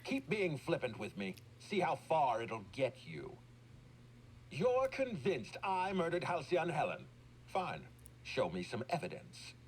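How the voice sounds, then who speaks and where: A man's voice: a little high, wildly swooping pitch, a little slow, a little hiss or hum, poor audio. An actor playing an imperious, indignant businessman in a video game, speaking in a formal, commanding and exasperated way. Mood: challenging.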